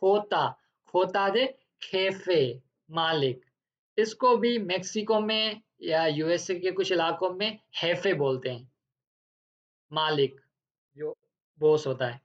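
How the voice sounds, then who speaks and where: A woman gives an alphabet lesson at an unhurried, careful pace. She spells out each word letter by letter and repeats it before translating. The recording sounds dull and lo-fi. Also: lowish voice. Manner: slow and deliberate, repeating each word then giving its meaning. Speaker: Spanish teacher.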